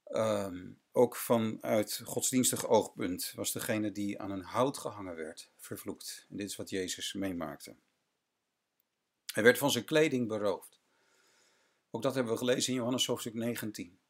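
Gravelly earnest Bible teacher, man. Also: on the low side. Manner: earnest, slowing on key words.

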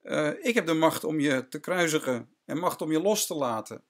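A man's voice: fairly high pitch, expressive, moderate pace, pitched above the performer's own voice, lightly acted. A man voicing a stern, commanding Roman governor who presses with insistent questions. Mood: demanding.

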